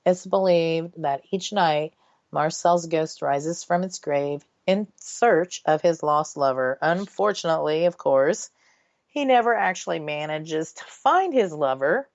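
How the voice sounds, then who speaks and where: Low, unhurried female radio host, muffled sound. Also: dry recording. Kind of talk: informal paranormal radio storytelling. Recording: dull, lo-fi radio audio.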